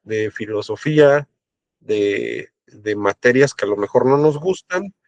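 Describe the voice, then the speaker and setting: A man's voice: mid-range voice, expressive, measured pace, no room sound, lo-fi sound. A man teaching a Bible study class in a conversational lecture style, often adding fillers and asking "right?". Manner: conversational teaching, frequent fillers and tag questions.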